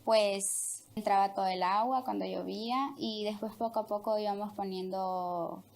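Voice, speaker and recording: A woman's voice: medium pitch, fairly even intonation, moderate pace, gravelly, darkish tone. A young woman from Honduras, a guest telling her life story in an interview, speaking hesitantly with many fillers. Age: young adult. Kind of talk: testimony interview.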